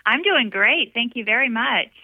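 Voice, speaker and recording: High-voiced woman on a tinny phone line. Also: animated, moderate pace, no room sound. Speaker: radio guest, animal shelter representative. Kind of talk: casual phone interview.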